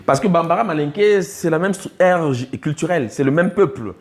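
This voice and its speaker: A man lectures a room of students with a voice pitched a little high. He explains in patient steps and keeps quizzing the class to check they follow. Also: lively intonation, fairly quick. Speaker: teacher.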